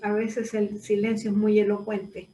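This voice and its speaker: A woman voice teacher, explaining things thoughtfully with pauses in a reflective conversation. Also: medium pitch, completely flat delivery, warm tone, roomy sound, far from the mic, slight background noise, low-quality recording.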